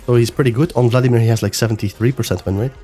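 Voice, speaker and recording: A man's voice: mid-range voice, steady tone, racing. Sick, slightly nasal man coaching gameplay. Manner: explanatory, loose with fillers and restarts. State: sick, a bit nasal and rough. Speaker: game coach. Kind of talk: gameplay review commentary. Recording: faint music behind. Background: soft background music.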